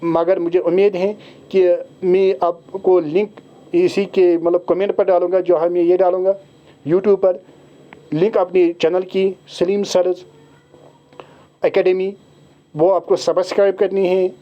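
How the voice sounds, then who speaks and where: High-voiced Kashmiri teacher, lo-fi sound. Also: male voice, level tone. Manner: switches into slow, deliberate English. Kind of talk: explaining an exam syllabus to students. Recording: dull lo-fi recording.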